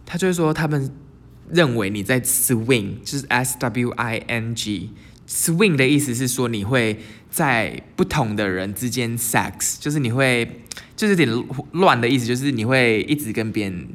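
A young man from Taiwan, hosting his channel in a casual storytelling monologue, lively and sprinkling English words into his speech. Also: medium pitch, normal speed. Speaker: channel host.

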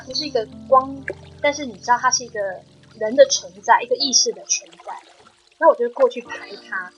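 On a talk podcast, a woman guest earnestly and emotionally shares a personal spiritual story, speaking quoted lines softly. Her voice is a little high, and the recording quality is low.

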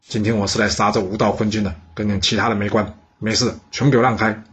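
A man's voice: fairly low pitch, little pitch movement, fast, lo-fi sound, background noise, close to an everyday voice. A man voicing a ruthless ancient court official who gives curt, commanding orders.

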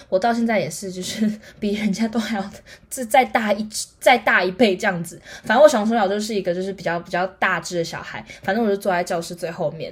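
A woman's voice: medium pitch, breathy edge. A nineteen-year-old woman with a Taiwanese Mandarin accent hosts a solo podcast, telling a chatty story full of fillers and acting out other people's lines. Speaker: podcast host.

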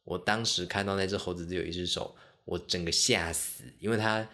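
A man hosting a podcast, telling casual stories in an animated, self-mocking way with many fillers. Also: deep voice, brisk. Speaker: podcast host. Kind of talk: casual solo storytelling.

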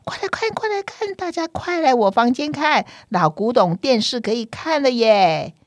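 A woman voices an excitable young storybook child with a Taiwanese accent. The voice jumps high and calls out eagerly. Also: moderate pace, no room sound, clean studio sound. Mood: excited. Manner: eager, calling out.

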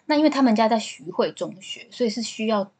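Husky-voiced woman telling a story. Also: on the high side, expressive, fast talker, a little mellow. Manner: storytelling, chatty and candid. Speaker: podcast co-host. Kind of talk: casual chat.

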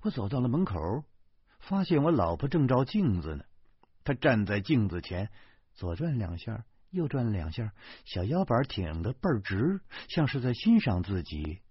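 A man reading a first-person story aloud with a wry, grumbling and expressive delivery. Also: mid-range voice, normal speed, breathy edge, no room sound. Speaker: audiobook narrator. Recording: dull, dry.

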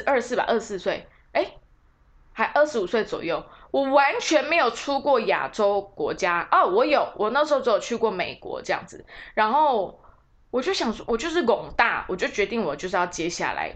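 Lively high-pitched woman storyteller. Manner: chatty, self-mocking, lively storytelling. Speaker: podcast host and tour leader. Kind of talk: casual storytelling podcast.

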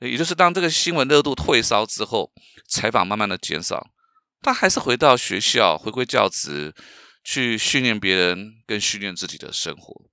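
A man's voice: on the low side, expressive, moderate pace, bright, forceful tone, dry recording, clean studio sound. A middle-aged man from Taiwan, a professional speaker hosting his own podcast, telling stories and asking rhetorical questions with frequent fillers. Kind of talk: solo podcast talk.

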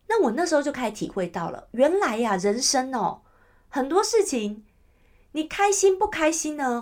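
A woman hosting her own podcast, talking casually and chattily to listeners and often asking "you know?". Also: on the high side. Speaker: podcast host. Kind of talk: casual solo podcast talk.

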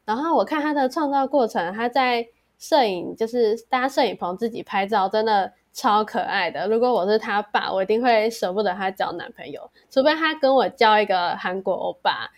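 A woman's voice: medium pitch, normal speed, hardly any pauses. A woman with a Taiwanese Mandarin accent co-hosting a podcast in casual conversation. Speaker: podcast co-host.

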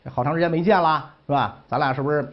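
A man's voice: a little high, rapid-fire. A man voicing a sly, ruthless ancient duke who talks in a coaxing way, in a dull lo-fi recording. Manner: coaxing, tacks on 'right?'.

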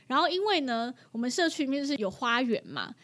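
A young mother tells a story in a casual chat, animated and laughing often. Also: high-pitched, fast. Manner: animated, laughs often, acts out her own reactions.

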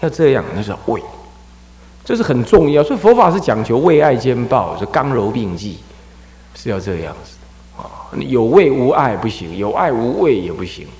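A man from Taiwan, a Buddhist abbot, gives an animated dharma lecture and acts out scolding parents and crying children. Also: mid-range voice, normal speed, slight background noise. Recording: echoey hall with long reverb.

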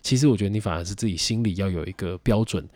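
Speaking rapid-fire in a low, somewhat mellow voice, this young podcast host with a Taiwanese Mandarin accent rambles reflectively through his solo show, using many fillers. No room sound can be heard.

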